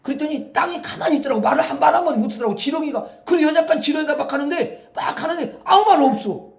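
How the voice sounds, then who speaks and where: A male pastor with a very high voice preaches in a folksy, animated way, rambling and addressing the congregation directly. His sermon echoes around a roomy hall. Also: rapid-fire, creaky.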